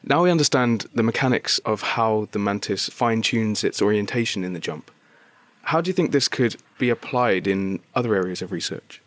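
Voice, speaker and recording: A man's voice: lowish voice, expressive, normal speed, a bit bright. A man working as a science reporter, putting prepared questions to a guest in an interview.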